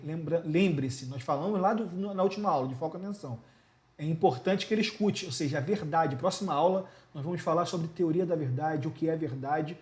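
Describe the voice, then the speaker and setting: Brazilian male teacher, somewhat high-pitched, emphatic and casual, asks the listener rhetorical questions. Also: darkish tone. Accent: Brazilian Portuguese. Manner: gestures constantly while talking. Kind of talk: casual video lecture.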